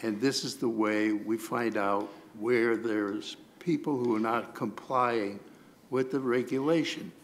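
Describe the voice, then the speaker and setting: A man chairing a town police commission meeting, answering a resident in a measured, formal way. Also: mid-range voice, fairly even intonation.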